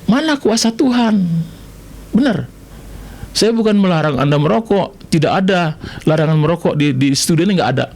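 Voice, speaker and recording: A middle-aged preacher from Medan with a high voice gives his testimony on radio. He swings between big exclaims and quiet, confiding asides. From Indonesia, Medan. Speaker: pastor guest.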